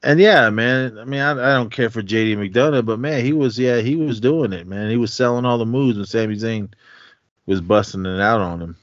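A man's voice: medium pitch, moderate pace, no echo. A middle-aged man co-hosting a podcast in casual, laid-back, slangy chat. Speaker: podcast co-host. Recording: dull lo-fi, dry close sound.

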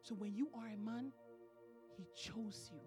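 A woman's voice: mid-range voice, unhurried, music in the background. A woman minister preaching a sermon in a church, building emphasis and breaking into laughter now and then. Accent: non-American English.

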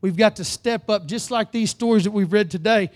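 High-voiced preacher man. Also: fairly quick. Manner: reads scripture aloud then preaches, calls for amens; swings from loud emphatic lines to low earnest ones. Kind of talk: sermon.

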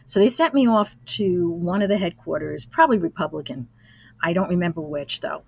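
Speaking briskly in a fairly low, darkish voice with vocal fry and a breathy edge, this Brooklyn woman in her sixties shares anecdotes as an interview guest. Once a college radio engineer, she reminisces in a relaxed, easygoing way; the recording has no echo.

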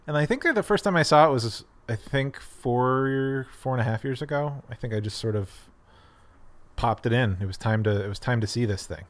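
A man's voice: mid-range voice, expressive, normal speed. A man co-hosting a casual film podcast, hesitant and self-deprecating, with many fillers. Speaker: podcast co-host.

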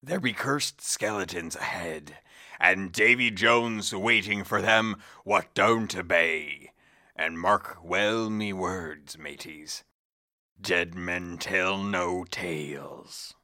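A man voicing a gruff old seafarer, slow and menacing. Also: low-pitched, bright, forceful tone, no room sound, clean studio sound, pitched below the performer's own voice, exaggerated voice. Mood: ominous. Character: gruff salty old pirate narrator warning of curses.

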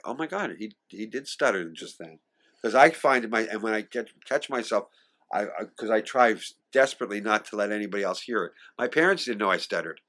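An interview guest in his sixties who both sings and acts looks back on his past in a fairly low, fairly bright voice. Now and then he stumbles and starts over, and he performs the voices of those he's quoting.

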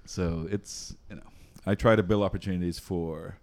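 A man's voice: low voice, fairly even intonation, normal speed, a little mellow. A man in his forties from Trinidad, a physician and researcher talking casually as an interview guest, with frequent laughs and many ums and restarts. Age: 40s.

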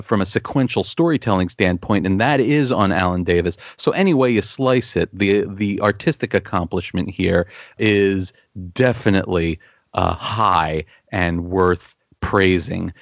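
A man's voice: deep voice, moderate pace, creaky, dry recording. A man co-hosting a casual comics chat, enthusiastic and often repeating words while he searches for the phrasing. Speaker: podcast co-host discussing comics. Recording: dull, dry lo-fi sound.

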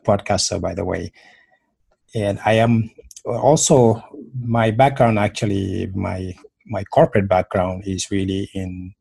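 A man's voice: lowish voice, gravelly, a little mellow, breathy edge, no echo. A man from Senegal, a guest on a podcast, telling his life story earnestly in conversation, often restarting and repeating words. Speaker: podcast guest, motivational speaker and life coach.

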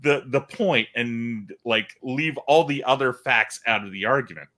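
A Canadian man chatting as a podcast guest, animated and acting out quoted people in a raised voice. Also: medium pitch, unhurried. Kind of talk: casual chat.

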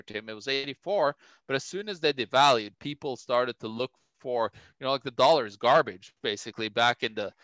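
A man's voice: medium pitch, pushed and bright, dry recording. A man co-hosting a casual podcast, chatty and full of "like" and "you know". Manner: chatty, heavy on "like" and "you know", laughs often. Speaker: co-host.

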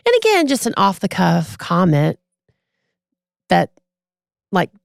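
Gravelly-voiced woman telling a story. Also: fairly low pitch, slow pace, dry recording, studio quality. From Texas. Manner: animated, acts out quoted voices. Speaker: podcast guest. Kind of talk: casual storytelling.

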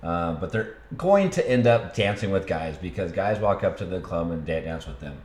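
A man's voice: deep voice, lively intonation, moderate pace, a little mellow. A man co-hosting a casual couple chat, speaking bluntly and teasingly. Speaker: podcast co-host. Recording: echoey room.

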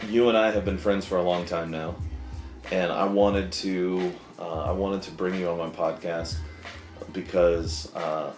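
A man's voice: sits low, reverberant. A man hosting a podcast, talking casually and jokily with lots of "like" and "uh". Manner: chatty, jokey, many fillers like "like" and "uh". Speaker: podcast host. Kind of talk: casual interview chat.

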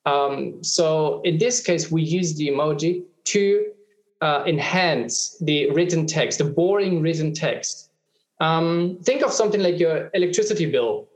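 A man speaks as a guest expert, explaining things patiently and often pausing on filler ums and restarts. His voice sits a little high. The recording has a noticeably roomy echo. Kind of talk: explanatory conversation.

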